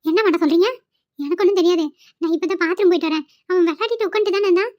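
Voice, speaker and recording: A woman's voice: very high voice, rapid-fire, a little mellow, no room sound. A woman voicing an elderly female nanny who pleads and frets in a cartoon. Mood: defensive. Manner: pleading and fretful. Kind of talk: cartoon voice acting. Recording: dull, dry home recording.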